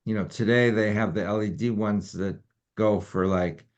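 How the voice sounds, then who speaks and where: Low guy teaching a study group, loose and chatty, lots of um and you know, muffled lo-fi sound. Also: moderate pace. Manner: relaxed, rambling with many fillers. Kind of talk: informal teaching talk. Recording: dull lo-fi recording.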